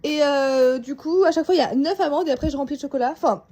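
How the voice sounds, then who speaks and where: Woman, young adult, casual home vlog, warm and mellow, filler-heavy chatter. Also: high-pitched, fast. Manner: chatty, rambling, many fillers and asides to viewers. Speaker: vlogger. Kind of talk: casual vlog chat to viewers. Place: home, indoors.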